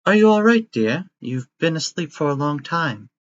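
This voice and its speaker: A man voicing a sweet, motherly caretaker robot nurse in a tabletop game, talking high and chirpy with doting care. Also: big pitch swings, moderate pace. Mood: cheerful, doting. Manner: high, chirpy and over-attentive. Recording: dry, slightly muffled audio.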